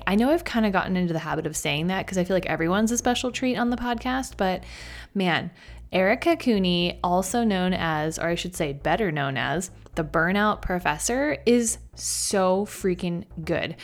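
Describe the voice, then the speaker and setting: Upbeat, chatty woman hosting a podcast. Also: on the low side. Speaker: podcast host. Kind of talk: scripted ad read and casual podcast chat.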